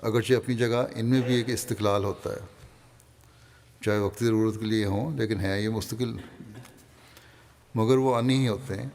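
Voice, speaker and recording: Low-voiced man preaching a sermon. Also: steady tone, a little mellow, long reverb tail. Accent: Pakistani Urdu. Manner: measured, reads and explains quoted passages. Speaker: religious leader giving a Friday sermon.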